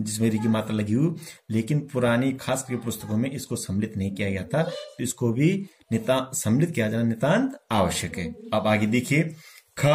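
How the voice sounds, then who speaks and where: A man's voice: medium pitch, darkish tone. A man teaching a lesson, patiently sounding out syllables one by one and explaining each. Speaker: Hindi teacher. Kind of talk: instructional lesson.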